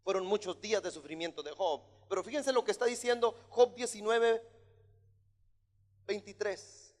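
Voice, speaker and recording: High-voiced preacher man in echoing hall. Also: normal speed. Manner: emphatic preaching, rising to shouts. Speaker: pastor. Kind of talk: sermon. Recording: long hall reverb.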